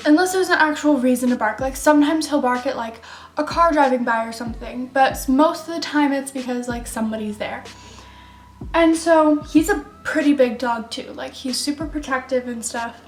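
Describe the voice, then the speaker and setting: A woman's voice: high-pitched, normal speed. A young woman telling a story while doing her makeup, rambling and giggly with lots of fillers. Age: young adult. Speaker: beauty vlogger. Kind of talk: chatty get-ready-with-me storytelling. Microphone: camera mic. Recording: echoey room with faint music.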